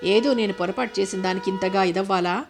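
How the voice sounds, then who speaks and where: A woman's voice: mid-range voice, a little fast, soft background music, close to an everyday voice. A woman reading a young man's pleading lines. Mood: apologetic. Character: young man, remorseful then exasperated lover.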